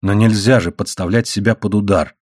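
A man's voice: lowish voice, steady tone, fairly quick, a little mellow, no room sound, studio quality, lightly acted. A man voicing a fiery, anxious young woman who pleads with and scolds her lover in an audiobook reading. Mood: pleading. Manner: pleading, exasperated.

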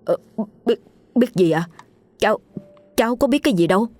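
A woman's voice: on the high side, animated, moderate pace, mellow, dry recording, voice pushed up, close to an everyday voice. Woman doing a scared, sobbing young man. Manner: stammering, tearful.

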